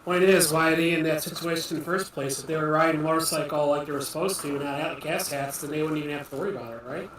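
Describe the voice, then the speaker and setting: A man hosting a livestream in casual chat, rambling and filling every pause with "you know". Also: on the high side, steady tone, fairly bright tone, a little hiss or hum. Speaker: livestream host. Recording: echoey room, mic at a distance.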